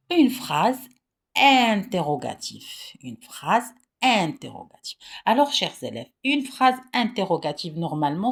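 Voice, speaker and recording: A woman's voice: mid-range voice, husky. A woman teaching a grammar lesson to children, patient, repeating key points and checking in often. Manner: raises her voice when reading questions aloud.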